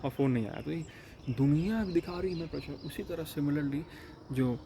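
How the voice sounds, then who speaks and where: A man's voice: on the high side, background noise. Rambling man. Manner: rambling, retells phone calls in quick quoted bits. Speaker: yoga course teacher. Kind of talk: casual monologue.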